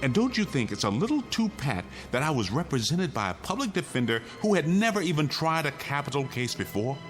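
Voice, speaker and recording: In a radio drama, an actor plays a weary condemned prisoner who urgently insists the world is his nightmare, pleading and arguing through rhetorical questions. His voice is on the high side, very animated, brisk and agitated, with faint music behind him.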